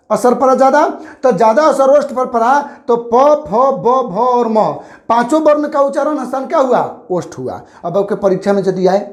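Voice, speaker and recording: A man's voice: extremely high pitch, a little mellow. Guy teaching grammar for exams, keeps asking then answering his own questions, roomy echo. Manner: explains by repeating and asking questions he answers himself. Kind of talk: exam-prep grammar lesson.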